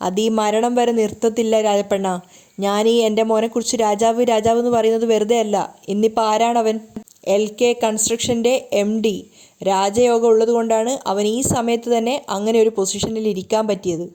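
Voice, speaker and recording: A woman's voice: on the high side, flat delivery, moderate pace, dark tone, natural voice. A woman reading the lines of a boastful middle-aged father who brags about his son, in a TV serial recap. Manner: swaggering, self-important.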